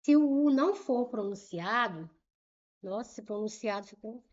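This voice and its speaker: Brazilian woman, grammar teacher, slightly high voice, unhurried, dull lo-fi audio. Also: lively intonation, a little mellow. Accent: Brazilian Portuguese. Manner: slow, repeats words aloud to show pronunciation, checks in with "tá?" and "ok?". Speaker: Portuguese teacher for civil service exams. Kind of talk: explaining grammar at a whiteboard.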